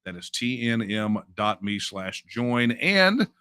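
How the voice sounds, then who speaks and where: Bright-voiced wry male host. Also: medium pitch, very animated, slow, clean tone, no echo. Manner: wry, mocking asides, frequent "uh" fillers. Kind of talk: casual livestream talk reading viewer messages.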